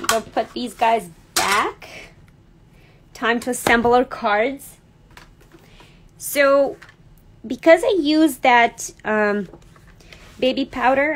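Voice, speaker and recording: Lady doing a slow chatty card making live, high voice, thinks out loud and laughs a lot. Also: low-quality recording. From Serbia. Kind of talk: casual craft demo livestream. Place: craft desk indoors. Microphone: overhead camera on desk.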